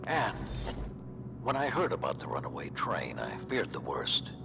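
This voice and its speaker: An actor playing a stern, commanding older master in a video game, measured and imperious. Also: male voice, deep voice, wildly swooping pitch, gravelly, exaggerated voice. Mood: relieved, approving. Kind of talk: video game character acting. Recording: music behind the voice.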